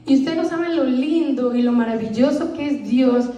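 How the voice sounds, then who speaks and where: High-voiced woman, earnest church testimony. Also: moderate pace, mellow. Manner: earnest, emotional storytelling. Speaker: church member giving testimony. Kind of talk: personal religious testimony. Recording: echoey room, voice from far off.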